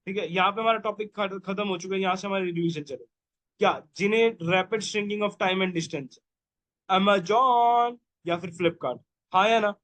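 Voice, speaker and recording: A man's voice: sits high, a little slow, a bit bright. A young man teaching a revision lecture, playful and jokey, who keeps quizzing his listeners with "yes or no?".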